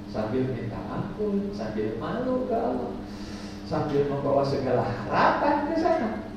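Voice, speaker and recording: A man teaching a pilgrim group in a lively way, quizzing and joking with them and leading their chants. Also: fairly high pitch, unhurried. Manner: lively, quizzes and jokes with the audience. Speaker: umrah guidance teacher. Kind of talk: religious instruction to a pilgrim group. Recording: echoey distant dull recording with noise.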